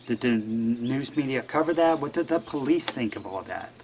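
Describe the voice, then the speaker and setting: A man's voice: mid-range voice, animated, moderate pace, a little mellow, slight background noise. A man guest-hosting a show, talking in a rambling, wry and offhand way. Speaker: guest host. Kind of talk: casual monologue.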